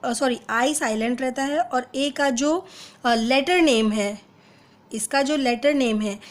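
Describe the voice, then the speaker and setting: A woman teaching a phonics lesson, patiently sounding out letters one at a time and checking in often. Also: a little high.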